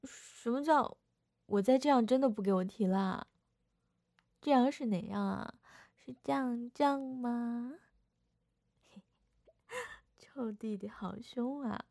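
A woman's voice: a little high, slow, gravelly, pauses often, a little mellow, no echo. A young woman voicing a playful older sister in a second-person audio role-play, whining and teasing coquettishly. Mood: pouty.

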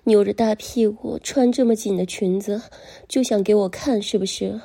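Woman reading a domineering middle-aged male boss, contemptuous, taunting, mellow dark tone. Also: mid-range voice, fairly even intonation, moderate pace, creaky.

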